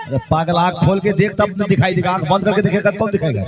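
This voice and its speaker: Man doing a jokey high-voiced palace soldier. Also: fairly even intonation, fast talker, a loud crowd, lightly acted. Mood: teasing. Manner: joking, sing-song, teasing. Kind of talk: folk stage comedy.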